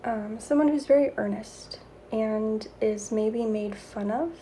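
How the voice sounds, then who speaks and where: A woman speaks in a soft, breathy voice, gently and meditatively guiding an energy healing session as the host. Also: on the high side, takes it slowly, a little hiss or hum. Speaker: Reiki healer and host.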